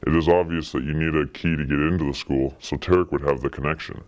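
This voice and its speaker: An anonymous witness in a student news interview, speaking through a pitched-down disguise effect and hedging as they pass on rumors. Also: fairly even intonation, quick pace, a little mellow. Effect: voice pitched down to disguise identity.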